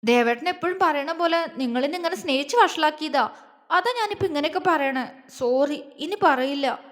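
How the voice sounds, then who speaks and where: A woman's voice: sits high, animated. Woman voicing a tearful stammering young wife. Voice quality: halting, stammering speech. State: crying.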